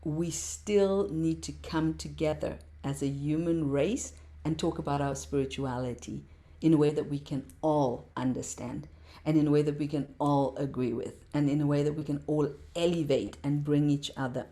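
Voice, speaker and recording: A woman with a low, mellow voice speaks as a podcast guest. She talks with passion and stacks up repeated words to drive her points home. She sounds middle-aged. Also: steady tone, normal speed. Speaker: podcast guest, meditation teacher. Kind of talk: casual interview talk.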